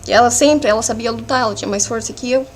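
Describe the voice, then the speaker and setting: Brazilian woman testifying in court, kinda high voice, gravelly, keeps restarting, faint hiss behind. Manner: halting, fragmented retelling with many restarts. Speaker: defendant under questioning. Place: courtroom hearing.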